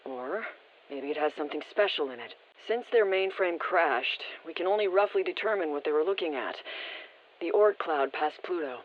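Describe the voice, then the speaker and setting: In scripted video game voice lines, a woman plays a sober female field briefer who is informative and restrained. Her low voice is expressive at normal speed, heard through a muffled, band-limited radio filter.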